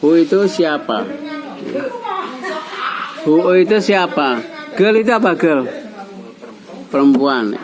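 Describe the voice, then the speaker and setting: A man's voice: on the high side, lively intonation, slow, long pauses, a crowd in the background, rough recording. Indonesian man patiently teaching English. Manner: patient, repetitive, coaxing explanations. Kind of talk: classroom English lesson. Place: classroom.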